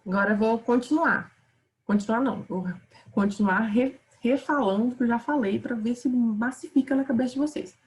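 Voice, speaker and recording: A woman's voice: on the high side, moderate pace, a little mellow, poor audio. A woman with a Brazilian Portuguese accent teaching a casual online grammar lesson, chatting with her students.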